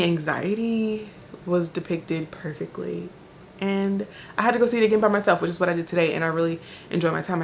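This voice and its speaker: A woman's voice: lowish voice, creaky, a little hiss or hum. A young adult woman reviewing books in a chatty vlog, rambling and correcting herself as she thinks aloud. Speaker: book vlogger.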